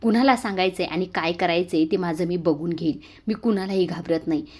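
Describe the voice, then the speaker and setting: A harsh, scolding aunt from a retold serial scene, berating someone at full shout, as a woman reads her lines. The voice sits a little on the low side. The anger stays hard and steady throughout. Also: fairly quick, husky.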